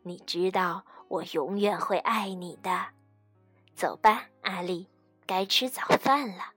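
A woman voicing a loving, patient mother in a bedtime storybook, speaking softly and gently. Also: fairly low pitch, slow, breathy edge, dry recording, soft background music, voice pushed down, exaggerated voice. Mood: tender. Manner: soft, gentle reassurance.

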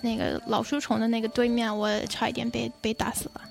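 A woman with a foreign accent chats casually in Mandarin as a non-native speaker. Her voice sits a little high with plenty of creak, and she often repeats words as she searches for the next. Light music plays underneath. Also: flat delivery, brisk. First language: not Mandarin. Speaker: guest. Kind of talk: casual chat.

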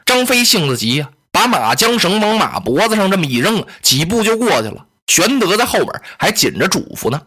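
A male storyteller performs in the Chinese oral tradition, his fairly high voice swooping across a wide range. The tone is bright and forceful, with a slightly husky grain. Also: brisk, few pauses. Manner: lively, vivid, animated.

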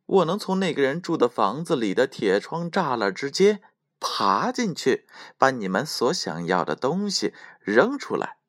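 A man's voice: mid-range voice, big pitch swings, a little slow, no room sound, studio quality, voice pushed up. A man doing a tiny cheeky boy. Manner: bright, playful and teasing. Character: tiny thumb-sized boy, clever and cheeky.

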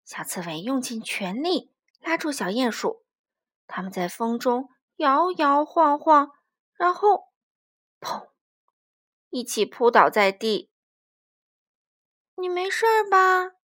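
A woman narrating a children's story in a gentle, expressive way. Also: a little high, unhurried.

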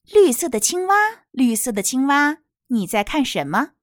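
A woman teaching English pronunciation from a picture book, explaining slowly and demonstrating words. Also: high voice, very animated, no room sound, clean studio sound.

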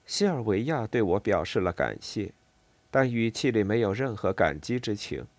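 A man narrating a novel in a measured reading style with expressive, varied intonation. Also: fairly low pitch, no room sound. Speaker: audiobook narrator.

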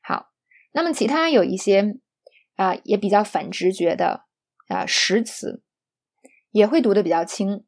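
A woman teaching an online pronunciation lesson, explaining patiently, often asking "right?", and slowing down to demonstrate English examples. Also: mid-range voice, animated, creaky. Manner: explanatory, rhetorical tag questions; switches to slow English demonstrations.

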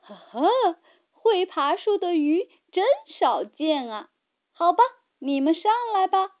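A woman's voice: very high voice, big pitch swings, takes it slowly, exaggerated voice. A woman voicing a proud, boastful flying fish leader in a children's storybook. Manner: boastful, hearty. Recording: tinny phone-like sound.

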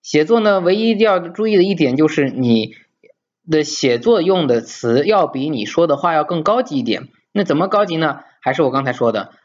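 A man's voice: on the high side, animated, normal speed, dull audio. A man teaching as an English teacher in an informal video lesson, emphatic and coaxing, often asking his listeners rhetorical questions.

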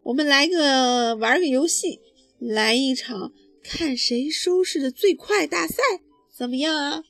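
A woman's voice: high voice, measured pace, a bit bright, no echo, soft background music. Easygoing father bear read by a woman. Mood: coaxing.

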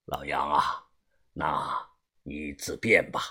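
Guy putting on a cool old boss voice, deep and whispery, slow, kinda husky. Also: fairly even intonation, sharp tone, exaggerated voice. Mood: calm, commanding. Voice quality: low, whispery, unhurried. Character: calm shrewd middle-aged male gang leader.

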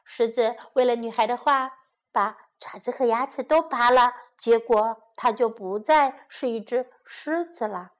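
A woman teacher narrating a children's story and English lesson in a gentle, coaxing tone. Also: a little high, unhurried.

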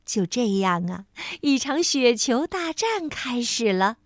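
A woman storyteller slowly and expressively narrating a children's story on a close mic. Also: fairly high pitch, no echo. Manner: slow, expressive, warm storyteller tone.

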